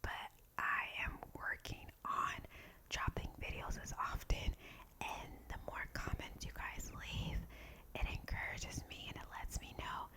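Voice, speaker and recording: A woman whispering in a breathy, unvoiced ASMR style as she hosts and reads out short facts. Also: measured pace, poor audio. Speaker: ASMR video host.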